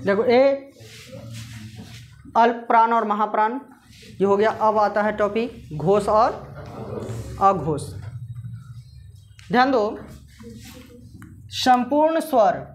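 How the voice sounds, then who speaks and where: A woman's voice: mid-range voice, slow pace, pauses often, a little hiss or hum. A woman teacher giving a grammar lesson, asking questions and answering them herself while she repeats the key terms.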